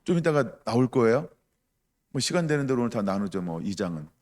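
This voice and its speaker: A man preaching a sermon as pastor, emphatic, asking the congregation questions and acting out quoted voices with loud bursts. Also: mid-range voice, big pitch swings, fairly quick. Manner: acts out quoted voices with sudden loud outbursts.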